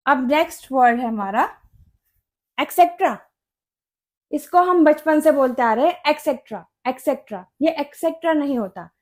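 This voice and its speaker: A woman from India teaching English pronunciation, repeating each word slowly and carefully for learners. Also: high-pitched. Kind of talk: pronunciation lesson.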